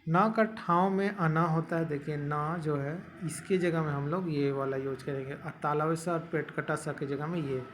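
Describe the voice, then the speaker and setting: Young guy w teaching exam grammar, kinda high voice, goes step by step. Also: fairly even intonation, moderate pace, hardly any pauses, fairly bright tone, a little hiss or hum. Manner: explains step by step, repeating and checking "ठीक है". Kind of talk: exam-prep grammar lesson.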